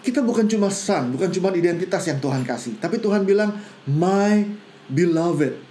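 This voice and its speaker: A man's voice: sits high, animated, quick pace, dark tone, slight background noise. A man preaching a sermon, telling stories casually and mixing in English phrases.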